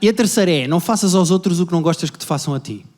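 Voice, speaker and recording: Fast-talking Portuguese stand-up comedian. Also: male voice, sits high. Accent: European Portuguese. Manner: rapid, animated storytelling, acting out family members. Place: large indoor venue with a live audience. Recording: long hall reverb from a live venue.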